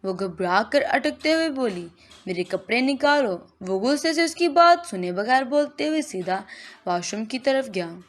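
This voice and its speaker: A woman narrating a storybook in a steady reading voice, moving between the characters' lines. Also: a little high. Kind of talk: scripted narration.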